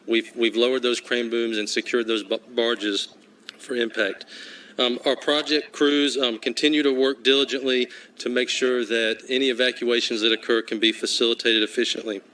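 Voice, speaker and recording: A man speaking as a state transportation official, giving a formal, measured press briefing statement from prepared remarks. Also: medium pitch, sharp tone, a little hiss or hum.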